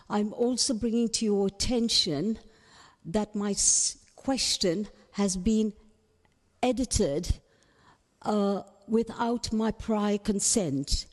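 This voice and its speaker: A woman addressing a council committee, reading her statement aloud in a halting, hesitant way. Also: medium pitch. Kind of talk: formal statement at a public meeting. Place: council chamber. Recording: reverberant chamber sound.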